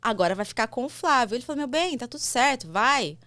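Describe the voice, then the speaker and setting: A woman with a Brazilian Portuguese accent, an actress and mother, talking candidly and softly in a casual conversation. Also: fairly high pitch, animated, fast, dry recording.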